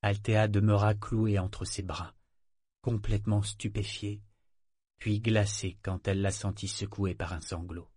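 Homme narrateur à la voix grave. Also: male voice, fairly low pitch, flat delivery, unhurried, a little mellow, husky, dry recording, clean studio sound. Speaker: audiobook narrator. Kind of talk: scripted narration.

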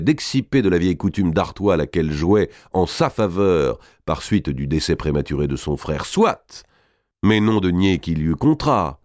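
A man's voice: lowish voice, a little mellow, no room sound, studio quality. A man narrating a historical novel as an audiobook, reading expressively and dramatically.

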